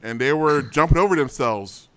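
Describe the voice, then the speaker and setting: A man's voice: a little high, animated, normal speed, a bit bright, clean tone. A man hosting a comedic chat show, joking in a sarcastic, bantering way. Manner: sarcastic, jokes in a mock baby voice. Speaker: podcast host.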